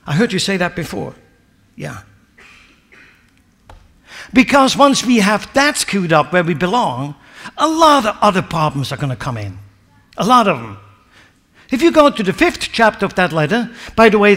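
A male pastor delivers a sermon with a high-pitched, swooping voice. He preaches emphatically and keeps turning to the congregation with rhetorical questions. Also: big pitch swings, moderate pace, long pauses. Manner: emphatic preaching, rising to near-shouts and dropping low.

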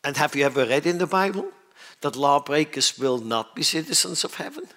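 A man's voice: fairly high pitch, very animated, fairly quick, sharp tone. A man from Switzerland preaching a sermon, stressing his points and often asking the audience whether they understand. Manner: emphatic, questions the audience often.

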